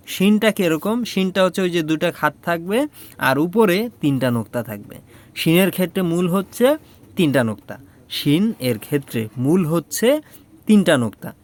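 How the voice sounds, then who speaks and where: A man teaching the Arabic alphabet in a casual spoken lesson, patiently repeating each letter several times with many fillers. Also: fairly high pitch.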